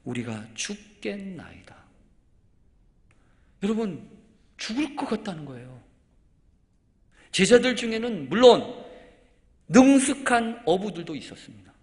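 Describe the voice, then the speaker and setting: A man preaching a Sunday sermon, asking the congregation rhetorical questions and swinging from loud exclamations to near-whispers. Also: sits high, big pitch swings, moderate pace, long pauses. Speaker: pastor. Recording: reverberant church hall.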